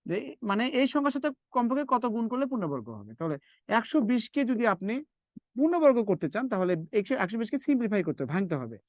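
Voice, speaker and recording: A man's voice: high-pitched, sing-song, fast, dry recording, highs cut off. A man teaching math in a live online lecture, repeating steps and quizzing his students as he works through sums.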